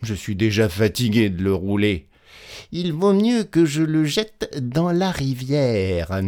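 A man's voice: mid-range voice, very animated, slow, darkish tone, pitched above the performer's own voice. A man voicing a crafty, cheerful male peasant trickster in a storybook reading. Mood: musing. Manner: crafty, mock-fearful.

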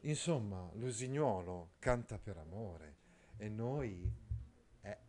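A man reading the lines of a noble widow in a soft, hushed, suggestive way. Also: fairly low pitch, animated, slow pace, pitched below the performer's own voice. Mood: coaxing.

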